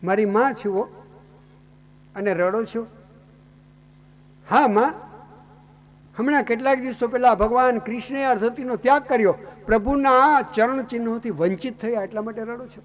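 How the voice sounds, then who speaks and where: Lame bull son, pleading, questioning, played by a high-voiced male preacher, sermon story. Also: normal speed, long pauses. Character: lame bull, dharma, anxious devoted son.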